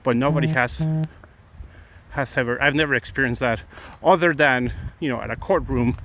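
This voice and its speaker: The recording is rough, with a little hiss or hum, as a middle-aged Mexican-born attorney vlogger, a native Spanish speaker with a Mexican accent, chats loosely on a live stream during his outdoor morning walk. His mid-range voice sounds pushed and bright at a moderate pace, and he rambles with frequent restarts.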